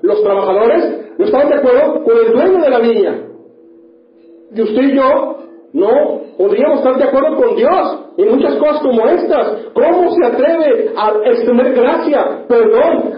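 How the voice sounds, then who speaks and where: A man's voice: very high voice, lively intonation, normal speed. A man preaching a sermon in a church hall, firing off rhetorical questions and working up to mock indignation. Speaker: pastor. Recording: echoey room, dull lo-fi sound.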